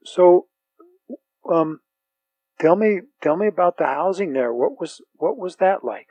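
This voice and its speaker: A man works as an oral history interviewer, feeling his way into informal questions with small hesitations. His voice sits slightly high and has a husky grain. The sound is dry and close. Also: lively intonation, a little slow, a little mellow, no echo, lo-fi sound.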